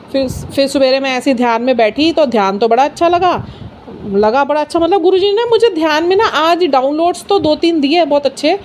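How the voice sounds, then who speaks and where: A woman's voice: sits high, a little mellow, slight background noise. A middle-aged woman giving an earnest, personal spiritual talk, mixing in English phrases. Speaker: satsang speaker.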